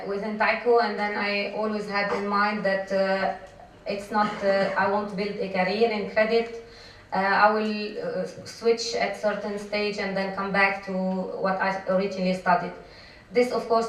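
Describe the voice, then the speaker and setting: A woman's voice: medium pitch, fairly bright tone. A middle-aged woman from Lebanon speaking on a conference panel, hesitant and full of fillers, recorded in a hall. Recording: echoey hall, distant mic.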